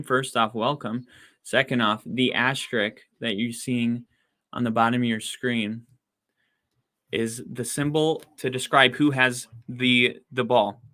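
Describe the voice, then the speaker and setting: A podcast host does live watch-along commentary on a game, chatting casually about each play. He's a chatty, excitable man with a bright, medium-pitched voice that rises to loud disbelief at plays, and he's losing his voice.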